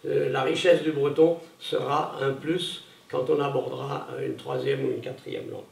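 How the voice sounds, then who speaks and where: A man's voice: on the high side, fairly even intonation, normal speed, creaky, far from the mic. A man giving a public conference talk, hesitant, with many fillers and restarts. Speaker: conference speaker. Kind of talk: public lecture. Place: lecture hall. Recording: echoey room, voice from afar.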